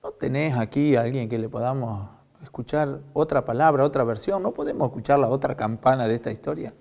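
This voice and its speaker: A man with an Argentine accent voicing a shrewd friend of a king who gently coaxes him. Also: mid-range voice, brisk, creaky, in a large hall, close to an everyday voice. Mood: coaxing. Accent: Argentine Spanish. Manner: coaxing, conversational.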